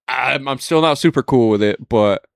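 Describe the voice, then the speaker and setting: A man's voice: mid-range voice, moderate pace, dry recording, studio quality. A man co-hosting a casual chat, telling stories and ranting with lots of swearing. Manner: profane, ranting storyteller. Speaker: podcast co-host.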